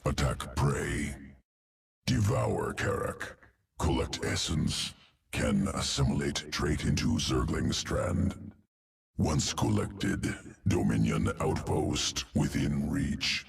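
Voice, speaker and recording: This is video game character acting by a man with a very deep, animated voice and vocal fry, portraying a cold, clinical alien insectoid geneticist. The exaggerated guttural growl comes in deliberate, clipped, telegraphic phrases lacking articles, captured on a distant mic.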